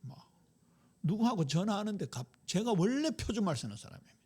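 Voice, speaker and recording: A male pastor from Daegu with a Gyeongsang accent, preaching a lively, joking sermon to his congregation. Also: high-pitched, brisk. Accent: Gyeongsang Korean. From Daegu, South Korea.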